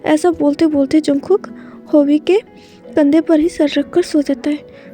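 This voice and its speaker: A woman narrates a story in a casual, chatty way, circling back on her words. Her voice is high but mellow. Faint music plays behind her. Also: fairly even intonation, measured pace. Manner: chatty, repetitive retelling.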